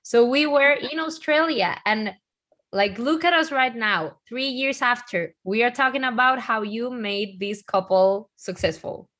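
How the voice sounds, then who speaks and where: A woman hosting a casual interview, asking questions in a friendly way with halting phrasing and many fillers. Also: on the high side, fairly bright tone.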